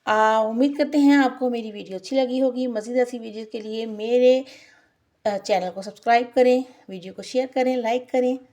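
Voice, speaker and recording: A woman's voice: on the high side, fairly even intonation, moderate pace, darkish tone. A woman with a Pakistani Urdu accent, walking through a children's worksheet as a teacher, patiently spelling letters aloud and often checking in with "okay". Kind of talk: worksheet walkthrough lesson.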